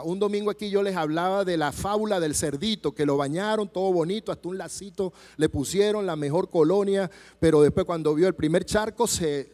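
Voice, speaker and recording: Venezuelan pastor, 40s, handheld mic on a church stage, high voice echoing through the hall, acts out every story. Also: male voice. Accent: Venezuelan Spanish. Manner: animated storyteller acting out dialogue, gesturing freely. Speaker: preacher. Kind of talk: sermon with told anecdotes. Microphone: handheld microphone. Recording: long church hall reverb.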